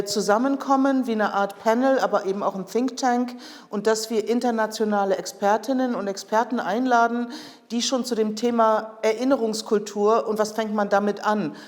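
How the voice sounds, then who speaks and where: A woman's voice: medium pitch, darkish tone. A woman heading a project department, explaining at length in an interview with many fillers. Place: project room in Berlin. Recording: reverberant room sound.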